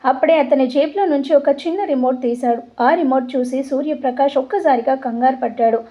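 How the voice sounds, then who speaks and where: A woman storyteller narrating an audio drama in a soft, even reading voice. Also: high-pitched, a little fast.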